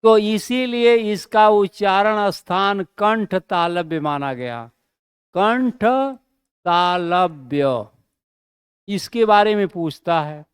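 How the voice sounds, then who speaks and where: High-pitched man teaching a slow, clear lesson. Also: no echo, clean studio sound. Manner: rhetorical questions he answers himself; slows down to stress key terms. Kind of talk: classroom lesson.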